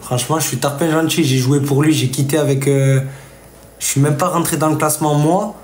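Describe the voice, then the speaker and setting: A man's voice: on the high side, fairly even intonation, brisk, a little mellow. A man venting to his viewers during a live gaming stream. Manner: agitated, venting, talks straight to viewers. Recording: roomy with faint noise.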